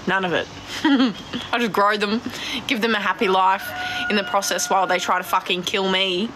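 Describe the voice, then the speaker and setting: A cattle farmer vlogger from Australia, a woman in her twenties with a naturally deep voice, chats casually on a live stream and answers comments. She's blunt, laughs easily and swears a lot, speaking into a phone held at arm's length with background noise audible.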